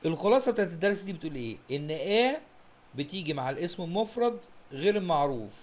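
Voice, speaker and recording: A man's voice: a little high, very animated, racing. A man with an Egyptian Arabic accent giving an exam-prep English lesson, asking the students' questions himself and then answering them, and repeating key points. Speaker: English teacher.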